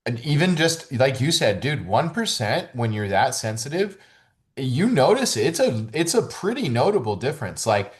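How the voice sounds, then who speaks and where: Chatting as a guest on a podcast, a man who coaches holistic fitness talks in a loose, rambling way, filling his speech with "like" and "you know" and getting livelier when excited. He speaks at medium pitch and moderate pace in this casual interview.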